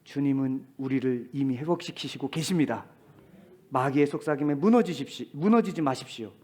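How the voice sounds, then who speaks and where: A male pastor delivering a sermon in a church, swinging between loud exclamations and hushed whispers. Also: mid-range voice, fairly quick. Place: church sanctuary.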